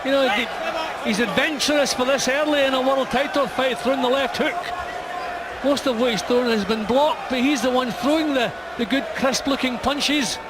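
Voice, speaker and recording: A man's voice: very high voice, normal speed. A man giving analytical live boxing commentary in a raised, projected voice. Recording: live arena broadcast, very loud crowd noise.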